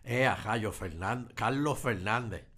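A man's voice: on the low side, takes it slowly, sharp tone. A man with a Puerto Rican accent, co-hosting a podcast, reading viewer messages aloud and laughing often. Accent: Puerto Rican Spanish. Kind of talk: casual chat.

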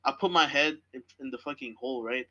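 A man's voice: mid-range voice, fast, highs cut off, crowd noise. A young man telling a rambling story to friends, breaking off and restarting. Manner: rambling, self-interrupting. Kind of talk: casual storytelling.

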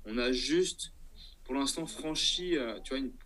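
A man's voice: mid-range voice, measured pace, fairly bright tone, poor audio. A man talking casually in an interview as an entrepreneur, hesitating and thinking aloud, often checking that the listener follows. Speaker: entrepreneur guest.

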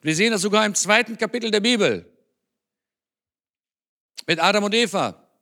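A man preaching in a church with a fairly high, bright voice. He talks to the congregation in an earnest, conversational way, as if chatting with them. His tone is forceful and clear. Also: lively intonation, moderate pace. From Germany. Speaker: speaker on Israel at a church. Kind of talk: sermon.

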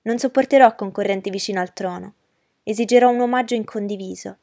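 A woman's voice: medium pitch, fast, vocal fry, a little mellow, dry recording, clean studio sound. A woman reading aloud and voicing a proud, mocking young noblewoman who talks in a commanding, scornful way. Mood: haughty. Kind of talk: audiobook character reading.

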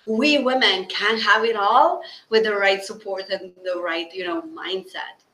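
A woman hosting a podcast interview, effusive and halting as she searches for words. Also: medium pitch, sharp tone. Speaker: podcast host. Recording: echoey room.

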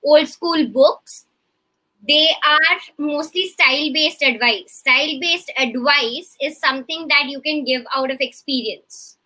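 Woman guest, crisp bright tone, assertive and analytical. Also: high-pitched, unhurried, poor audio. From India. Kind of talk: casual live-stream chat.

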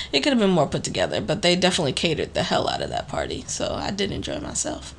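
Woman podcast co-host, low-ish lively voice, rambling laughing storyteller. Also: quick pace, gravelly, slight background noise. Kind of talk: casual chat.

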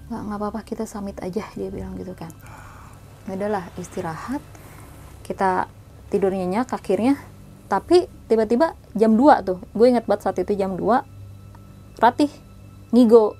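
A young woman casually telling a spooky story in slangy talk, sometimes hushed, sometimes animated. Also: mid-range voice, moderate pace, long pauses, slight background noise.

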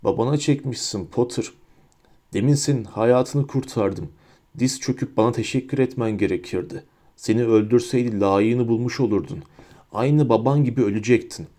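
A man voicing a cold, menacing adult male wizard teacher in an audiobook, speaking low with a silky, hissing menace. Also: normal speed, warm tone, natural voice. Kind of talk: audiobook character voice.

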